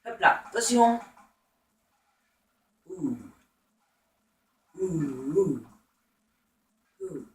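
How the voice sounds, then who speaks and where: Playful high-voiced man commenting a game. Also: big pitch swings, very slow, long pauses, echoey room, far from the mic, poor audio. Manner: playful, teasing with exclamations and taunts. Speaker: gamer. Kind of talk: casual let's-play commentary.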